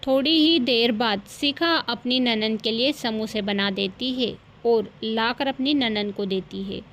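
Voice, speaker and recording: A woman narrating a moral cartoon story in a steady, explanatory way. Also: fairly high pitch, unhurried, a little hiss or hum.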